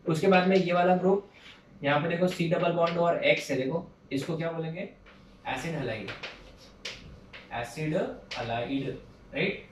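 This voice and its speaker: A man's voice: on the high side, level tone, brisk. Distant, echoey Hindi-speaking male teacher. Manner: asks questions and answers them himself, Hindi mixed with English terms. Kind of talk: chalkboard chemistry lesson. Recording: roomy and distant, faint background hum.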